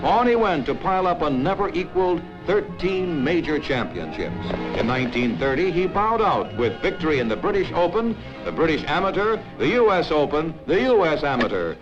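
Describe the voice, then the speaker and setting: A man narrating an old newsreel in a brisk, emphatic announcer manner. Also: a little high, big pitch swings. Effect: old newsreel soundtrack. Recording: dull lo-fi film soundtrack with music.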